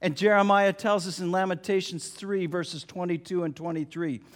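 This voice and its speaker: Man, preacher, high voice, dramatic sermon, hushed then booming emphasis. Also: steady tone, moderate pace.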